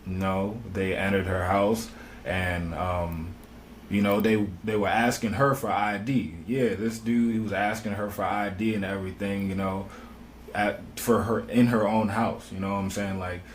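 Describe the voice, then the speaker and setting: Low-voiced man, casual and slangy. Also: fairly even intonation, normal speed, a little hiss or hum. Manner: conversational, lots of "you know", slang. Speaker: guest commentator. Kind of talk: casual podcast discussion.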